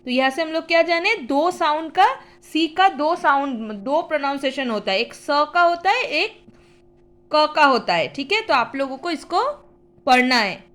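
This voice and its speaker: A woman with an Indian English accent teaching children a phonics lesson, spelling words letter by letter and then saying each word, with quick explanations between them. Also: high-pitched, lively intonation, a bit bright.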